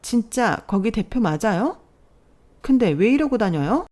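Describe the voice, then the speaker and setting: A woman voicing a spoiled, arrogant young sister-in-law with a shrill, high voice. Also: big pitch swings, a little slow, darkish tone. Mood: incredulous.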